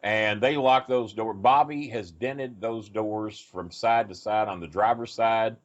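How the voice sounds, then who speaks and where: A man's voice: fairly low pitch, a little slow. A man telling a rambling, profane road story in casual podcast chat, full of fillers. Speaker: wrestling storyteller guest. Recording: dull lo-fi podcast audio.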